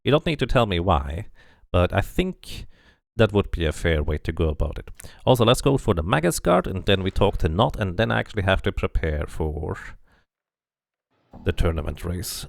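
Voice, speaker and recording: A man with a low, sing-song voice and some vocal fry talks at a normal pace, with no echo in the recording. He's a streamer playing a game and narrating it casually, thinking aloud as he goes and reading snippets of the game's text.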